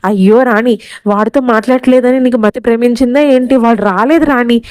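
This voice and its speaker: A woman's voice: fairly high pitch, fairly even intonation, brisk, a little mellow, dry recording, close to an everyday voice. A woman reading the lines of a middle-aged husband who firmly reassures his wife. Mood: reassuring. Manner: reassuring, firm.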